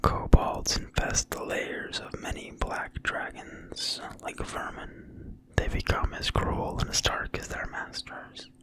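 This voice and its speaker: In a soft, breathy whisper, an ASMR creator slowly and soothingly reads from a fantasy game manual. Each word comes quietly and deliberately, in classic ASMR style.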